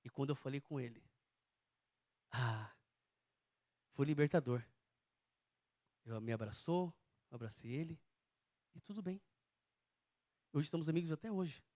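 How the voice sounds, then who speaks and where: A man's voice: a little high, unhurried, long pauses, a little mellow, no room sound, studio quality. A man preaching a sermon to a congregation, emphatic and often asking them questions.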